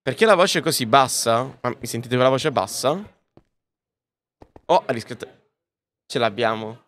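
A man's voice: mid-range voice, expressive, moderate pace, a bit bright. A man livestreaming from a booth at a comics convention, talking casually and directly to his viewers through a podcast-style microphone. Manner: chatty, addresses viewers directly. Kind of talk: casual live-stream chat.

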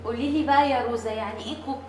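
A woman's voice: fairly high pitch, racing, faint music behind, close to an everyday voice. A woman playing a tender, coaxing mother. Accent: Egyptian. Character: affectionate mother, adult woman. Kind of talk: family skit acting. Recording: echoey room.

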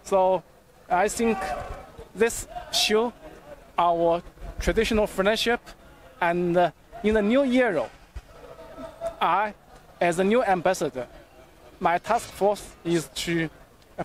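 Chinese-accented man, halting press remarks. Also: high voice. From China. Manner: halting, frequent uh fillers and restarts. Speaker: ambassador. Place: outdoor stadium construction site. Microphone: handheld recorders held up by reporters. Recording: crowd chatter outdoors. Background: crowd of people around.

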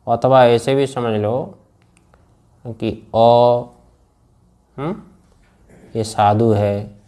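A man teaching Sanskrit grammar to a class. He speaks slowly, repeats key phrases and keeps asking his students whether they follow. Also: medium pitch, steady tone, warm tone. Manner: slow and repetitive, drills phrases and checks understanding. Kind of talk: classroom lecture with questions to students.

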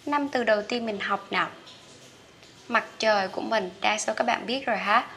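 A woman with a Vietnamese accent teaching English vocabulary, saying each word slowly and repeating it for learners. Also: mid-range voice, fairly bright tone, slight background noise. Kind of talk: vocabulary lesson.

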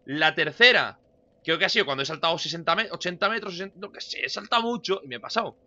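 A young man from giving casual let's-play commentary, excitable and swinging between loud outbursts and muttering. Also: a little high, fast talker, lo-fi sound. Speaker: gameplay commentator.

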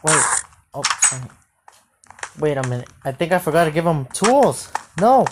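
A woman with a low voice and big pitch swings narrates an improvised Minecraft roleplay at normal speed while playing. The phone-captured audio is noisy and full of clicks, and she frequently hesitates and repeats herself.

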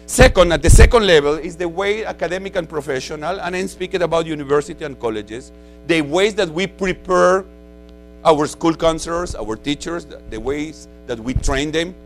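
A man's voice: on the high side, poor audio. A man from Peru with a Spanish accent giving a conversational conference lecture, full of "you know" and repeated words.

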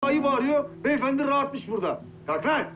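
A man's voice: extremely high pitch, lively intonation, fairly quick. An actor playing a blunt, bossy male friend who scolds his buddy in slangy talk. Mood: scolding. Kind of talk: TV series acting.

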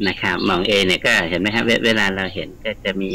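In a radio studio interview, a male guest scholar of the Mekong region explains things at length, chatty and lecturing, using frequent polite particles. His low-pitched voice is steady, fast, bright, and forceful. The audio quality is poor.

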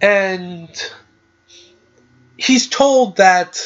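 A man's voice: high-pitched, extremely slow, fairly bright tone, muffled recording. A man hosting a podcast, casually recapping a video game plot in a rambling, filler-heavy way.

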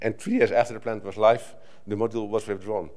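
This conference talk is delivered by a middle-aged native Dutch speaker from the Netherlands at a lectern on a hall stage, through the lectern microphone, in a conversational way marked by restarts. His fairly low voice is a little mellow, fairly even in intonation, and fast.

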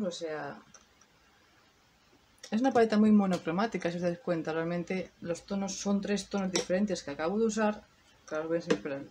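A woman's voice: medium pitch, mellow, breathy edge. Chatty woman doing her makeup. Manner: chatty, thinking aloud, addressing viewers directly. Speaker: beauty vlogger. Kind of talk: casual makeup tutorial chat.

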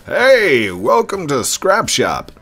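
Easygoing, loud video game repairman with hearty sales patter, played by a man. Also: on the high side, huge pitch swings, slow pace, soft background music, voice pushed up, full character voice. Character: hearty scrap shop repairman, easygoing, helpful.

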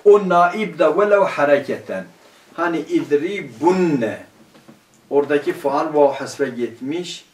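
Recorded on a distant mic in a roomy space, a man with a higher-pitched voice teaches grammar to a class. He asks the students questions and answers them himself, slowing down to read classical quotations.

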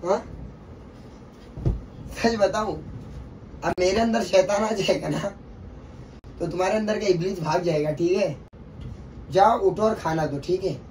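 Young man nagging in a high voice. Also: unhurried, pauses often, darkish tone, far from the mic, a little hiss or hum, low-quality recording. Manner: pleading and mock-threatening, repetitive nagging. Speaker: vlogger pranked by girlfriend. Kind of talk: casual couple vlog banter.

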